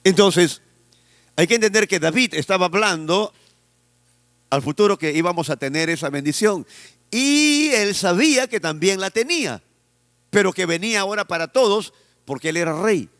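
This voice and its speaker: A man's voice: high-pitched, a bit bright, no room sound, clean studio sound. A male pastor from Peru, preaching a sermon with a Peruvian Spanish accent and leading the congregation in repeating phrases back to him.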